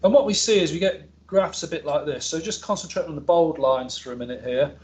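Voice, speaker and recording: Speaking a little fast in a fairly high voice with a darkish tone, a male academic researcher delivers a technical seminar. He explains informally, with hesitations and self-corrections, to an audience present in a seminar room.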